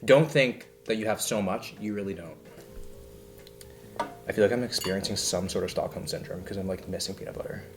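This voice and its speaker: A man's voice: deep voice, fairly quick, faint music behind. A young man chatting casually and jokingly in a fitness vlog, explaining diet tips. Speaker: fitness vlogger.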